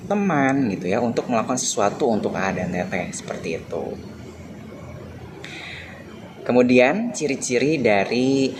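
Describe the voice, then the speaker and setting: A young man teaches a lesson to young children. He talks cheerfully, stretches his words slowly and acts out the example sentences. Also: mid-range voice. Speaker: primary school teacher. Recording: noisy home recording.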